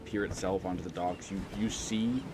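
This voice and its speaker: A man's voice: sits low, normal speed, over loud music. A man narrating as game master of a tabletop game, with loose, rambling description full of restarts and a cough.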